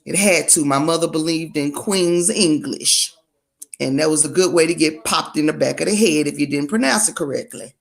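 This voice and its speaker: A woman's voice: deep voice, vocal fry. Chatty Southern woman hosting a stream. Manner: chatty, drawling, quick to joke. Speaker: livestream host. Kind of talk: casual livestream chat.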